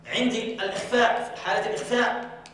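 A man teaching Quran recitation to a class, drawing out his recited examples slowly and often asking students whether they follow. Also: high voice, steady tone, a bit bright, a little hiss or hum. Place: large mosque hall. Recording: very echoey hall, from far off.

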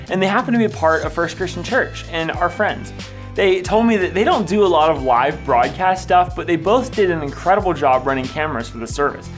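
Upbeat young man narrating a tech walkthrough. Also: a little high. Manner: upbeat, enthusiastic. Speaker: video producer narrating. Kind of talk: scripted voice-over walkthrough. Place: small room with blue wall.

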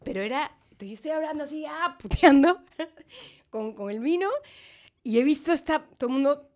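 Lively Peruvian actress telling stories. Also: female voice, sits high, moderate pace. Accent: Peruvian Spanish. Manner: animated, laughing storyteller who acts out quotes. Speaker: actress, podcast guest. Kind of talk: casual storytelling interview.

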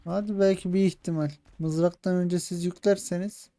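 A man's voice: high voice, steady tone, moderate pace, dark tone. A man with a Turkish accent commenting on his own strategy gameplay, muttering his plans and growing frustrated as attempts fail. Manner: frustrated muttering, talking himself through tactics. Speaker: gaming channel host. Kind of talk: let's play commentary.

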